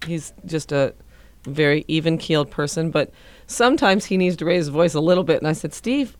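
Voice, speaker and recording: A woman's voice: low voice, brisk, no echo. A woman co-hosting a radio show, talking frankly in casual conversation. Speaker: radio co-host.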